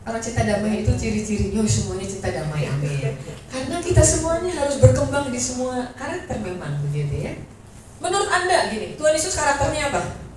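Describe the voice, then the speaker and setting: Woman pastor preaching, lively and chatty, heard from far off in a big echoey church hall, faint room noise. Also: fairly high pitch, fast talker. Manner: lively, conversational preaching with quoted voices. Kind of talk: sermon.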